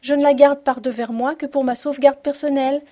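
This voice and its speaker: A woman's voice: high-pitched, fairly even intonation, fairly quick, dark tone, pitched above the performer's own voice, lightly acted. A woman voicing a witty, confident woman reading out her farewell letter in an audiobook. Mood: poised.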